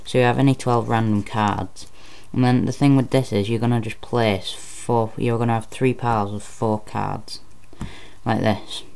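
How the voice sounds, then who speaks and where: A man's voice: medium pitch, steady tone, normal speed, gravelly, darkish tone, clear, resonant tone. A man giving informal card magician patter, explaining step by step and repeating phrases as he goes. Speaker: card trick presenter.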